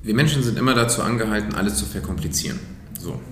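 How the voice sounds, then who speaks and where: A man with a fairly low voice talks as a breathwork coach in a relaxed podcast chat. He explains earnestly and now and then drops almost to a whisper to stress a point. The room around him sounds echoey. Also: racing, slight background noise. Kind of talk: casual podcast conversation.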